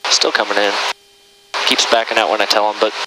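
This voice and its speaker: Lowish guy on a headset intercom in a plane, short flat callouts, engine roar behind. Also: fairly quick. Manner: clipped, matter-of-fact distance calls. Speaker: aerial refueling boom operator. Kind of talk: terse refueling callouts and cockpit chat. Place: tanker aircraft in flight. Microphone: aircrew headset on intercom. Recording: intercom audio under loud engine noise.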